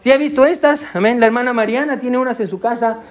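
A man in his thirties preaching a sermon as pastor, conversational and warm, often calling out to the congregation. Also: very high voice, fast talker. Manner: warm, conversational preaching with frequent "amén" and "hermano". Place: church sanctuary.

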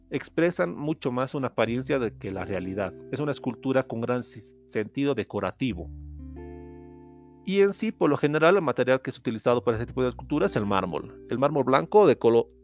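A man from Latin America with a mid-range voice delivers an art-history lesson in a steady explanatory tone, now and then restarting a word. A faint guitar plays softly behind him. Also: mid-range voice, muffled recording. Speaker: host. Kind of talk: educational lecture.

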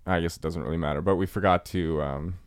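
A man's voice: deep voice, fairly even intonation, fast, no room sound, studio quality. A man co-hosting a casual film podcast, laid-back and rambling, with lots of ums and likes. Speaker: podcast co-host.

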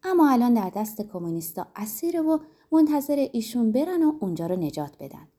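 Brief: carefree young woman, teasing and breezy, raised lively voice, as the narrator puts her on. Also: fairly high pitch, voice pushed up.

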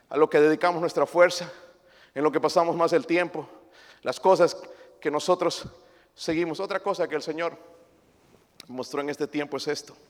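A man preaching a passionate sermon, calling his listeners brothers, rising to loud emphasis and dropping to quiet asides. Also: a little high, creaky, big-room sound. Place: church.

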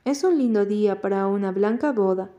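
A woman's voice: medium pitch, brisk, warm tone, muffled recording, natural voice. A woman voicing a drunk young man in a storybook reading, with a slurred, drunken manner.

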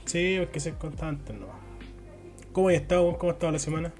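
A man's voice: on the high side, fairly even intonation, fast talker, darkish tone, faint music behind. A young man with a Chilean accent co-hosting a podcast in loose, slangy, joking chat. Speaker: podcast co-host.

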